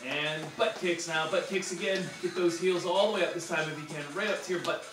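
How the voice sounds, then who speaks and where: A man's voice: on the high side, fairly even intonation, brisk. A man in his thirties working as an aerobics instructor, cueing a home workout with short, repeated, encouraging instructions. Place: small tiled room at home, indoors. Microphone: far camera across the room. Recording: roomy, distant camera mic with music.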